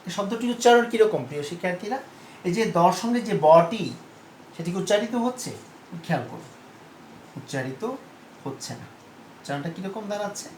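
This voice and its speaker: A man teaches a pronunciation lesson at a slow, deliberate pace. He repeats each word and keeps turning to his students with questions. His voice echoes in the room over a faint background hiss. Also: high voice, lively intonation.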